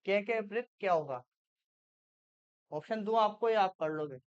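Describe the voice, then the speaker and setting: Quizzing woman teacher, clear voice. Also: medium pitch, animated, normal speed. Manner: quizzing students with repeated questions. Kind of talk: classroom reasoning lesson. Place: classroom. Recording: muffled lo-fi classroom recording.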